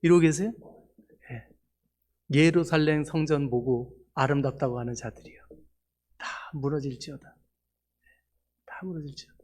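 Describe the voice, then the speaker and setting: A middle-aged man preaching in a church, giving a personal testimony that moves from soft, hushed prayer to loud, almost tearful excitement. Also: on the high side, moderate pace, pauses often. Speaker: missionary preacher. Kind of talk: sermon testimony.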